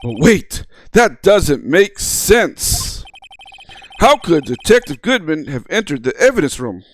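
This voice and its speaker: A man voicing a grumpy, halting old judge in an amateur read of a courtroom video game. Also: fairly high pitch, big pitch swings, heavily acted. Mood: stern, puzzled.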